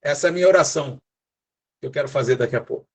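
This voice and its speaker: A man's voice: medium pitch, rapid-fire, a little mellow. An older man with a São Paulo accent, preaching earnestly in an online church service over a video call, often tagging his sentences with questions. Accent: São Paulo Portuguese. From São Paulo, Brazil. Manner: earnest, exhorting, frequent tag questions. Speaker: apostle, guest preacher.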